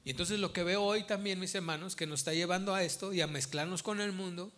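A man's voice: high-pitched, fairly even intonation, fast talker, fairly bright tone. A man preaching a sermon as pastor, emphatic and repeating his key phrases.

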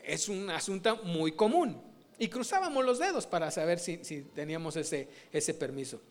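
Male preacher, high voice, chatty sermon delivery, constant rhetorical asides. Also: big pitch swings, moderate pace. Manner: conversational, rhetorical questions to the congregation. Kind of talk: informal sermon teaching.

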